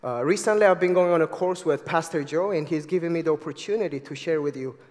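Young Ethiopian-accented preacher in a reverberant church. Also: male voice, fairly high pitch, fast, a little mellow. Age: 20s. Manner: earnest, eager. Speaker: guest preacher. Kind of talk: sermon. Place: church sanctuary.

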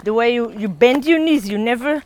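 A woman with a slightly high voice coaches a runner on a hilly outdoor trail, keeping up a steady stream of encouraging, instructive tips. A faint hiss sits under her voice. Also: a little fast. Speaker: running coach. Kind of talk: coaching on the run.

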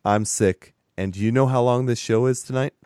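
A man's voice: medium pitch, steady tone, normal speed, darkish tone, no echo. A young adult man hosting a podcast in casual chat, congested from sinus trouble, with a dry, self-mocking humor. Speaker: podcast host.

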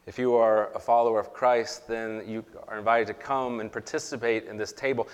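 Pastor guy leading communion, measured and earnest, big cathedral echo ringing off the walls. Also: lowish voice, flat delivery, clean tone. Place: church sanctuary. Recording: long reverb in a large church hall.

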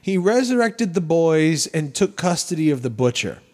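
A man's voice: on the high side, very animated, normal speed, a little mellow. A man co-hosting a podcast, chatting casually, joking and laughing often. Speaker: podcast co-host. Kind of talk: casual chat.

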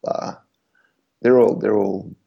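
A man with a creaky, husky voice, co-hosting a casual sports podcast. He rambles, hesitates with plenty of fillers and breaks into laughs as he talks. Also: on the low side, steady tone, takes it slowly, muffled recording. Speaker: podcast co-host.

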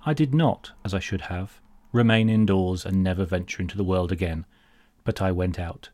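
A British man with a fairly low voice performs a humorous monologue. He rants with exasperated sarcasm and grandiose, mock-pompous phrasing. The sound is close and dry. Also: normal speed, darkish tone, dry recording. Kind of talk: comedic rant monologue.

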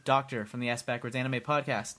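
A man's voice: mid-range voice, fairly even intonation, brisk, bright, forceful tone. A man hosting a casual podcast chat, telling rambling stories and poking fun at himself. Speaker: podcast host.

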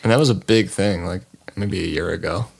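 A man's voice: low voice, fairly quick, vocal fry, husky. A man who is an artist, co-hosting a casual podcast and often restarting his phrases as he talks.

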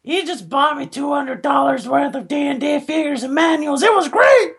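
Woman playing a shrill melodramatic teen girl. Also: expressive, normal speed, gravelly. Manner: shouty melodramatic delivery. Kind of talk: comic dramatic reading.

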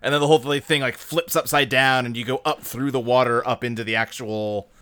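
Male podcast co-host, animated and rambling, with a sharp, clean tone. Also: mid-range voice, fairly quick, smooth. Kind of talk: casual movie discussion.

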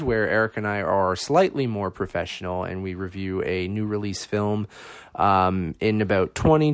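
A man's voice: fairly low pitch, no echo, clean studio sound. A Canadian man around thirty co-hosting a casual, laid-back, sometimes profane podcast, recorded on a cheap phone mic. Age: 30s. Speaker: podcast co-host. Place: bedroom in a house. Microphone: handheld iPhone mic, close.

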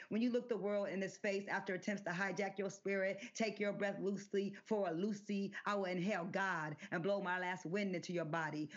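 A woman poet giving a rhythmic, deliberate spoken-word performance as a podcast guest. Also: medium pitch. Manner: rhythmic, deliberate, incantatory delivery. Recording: dull lo-fi sound.

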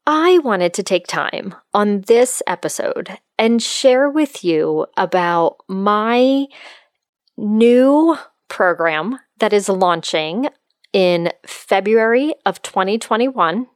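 A woman's voice: mid-range voice, lively intonation, slow pace, no room sound, clean studio sound. A middle-aged woman hosting a solo podcast, speaking to listeners in an open, friendly manner. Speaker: podcast host and life coach.

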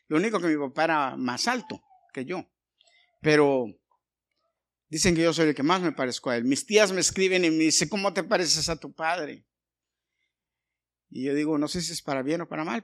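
A man's voice: on the high side, a bit bright. A middle-aged man, a pastor, preaching a conversational sermon and telling personal stories, often restarting his words.

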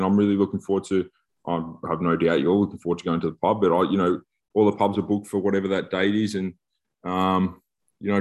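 A man with a slightly low voice co-hosts a casual podcast. He talks like one of the lads, joking and throwing in slang as he goes. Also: a little mellow. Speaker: podcast co-host, rugby player turned coach.

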